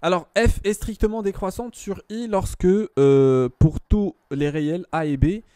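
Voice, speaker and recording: A man's voice: sits high, a little slow, mellow, no room sound, clean studio sound. A man tutoring a student one-on-one in math, patient, often repeating himself and checking that she follows.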